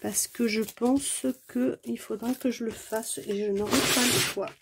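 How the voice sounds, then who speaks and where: With a slightly high voice, fairly even intonation and a somewhat slow pace, a diamond painting vlogger chats to her audience as she unboxes a craft kit at home. She exclaims often, fills her talk with fillers and jokes about herself playfully. Slight background noise is present.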